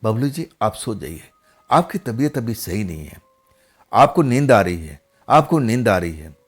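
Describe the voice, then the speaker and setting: A man voicing a soft-spoken ghost woman. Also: on the low side, sing-song, a little slow, husky, heavily acted. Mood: soothing. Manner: soft, coaxing, repeats herself. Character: gentle ghostly young woman, caring like a wife.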